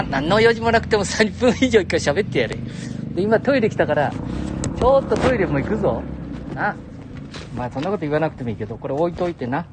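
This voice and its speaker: Standing outdoors next to a public toilet, a gruff older man runs his solo audio show as a heavy, rambling casual monologue. His voice is high-pitched, the background is noisy, and his jokey manner has him addressing listeners as "お前."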